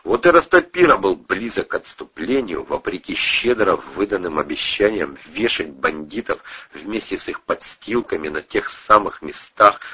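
Male audiobook narrator; lively, bright, slightly husky, lo-fi recording. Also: low voice, moderate pace. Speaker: audiobook reader. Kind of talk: expressive book narration.

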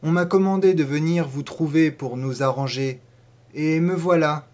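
A man's voice: a little high, normal speed, a little mellow, close to an everyday voice. A man voicing a cheerful young peasant maid and mother who talks simply and proudly in a storybook reading. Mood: friendly. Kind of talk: audiobook character voice.

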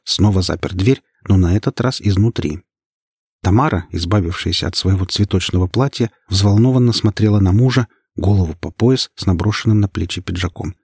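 A man narrating an audiobook in the first person, steady and measured. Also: on the low side, slightly rough, no room sound, clean studio sound.

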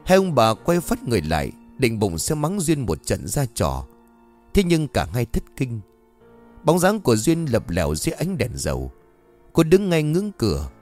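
A man's voice: medium pitch, normal speed. Dramatic man. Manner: dramatic, expressive telling. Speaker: storyteller. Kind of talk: ghost story narration. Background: faint music.

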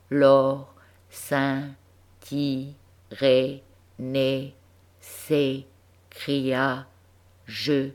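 A woman voicing a little orphan girl who reads aloud haltingly, one syllable at a time. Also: extremely low pitch, darkish tone, full character voice.

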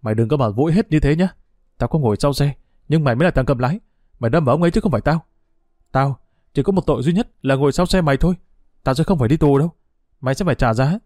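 A man voicing an angry, grieving village man who accuses and threatens in harsh, quick speech. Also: fairly high pitch, mellow, no echo, clean studio sound, natural voice. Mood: angry, accusing.

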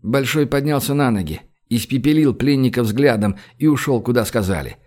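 A man narrates an audiobook in a measured, even storytelling voice, shifting his pitch for the characters' dialogue.

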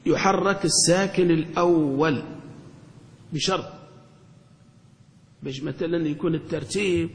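A man teaching a grammar lesson as a sheikh, asking his students questions and repeating key phrases. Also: on the high side. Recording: long hall reverb.

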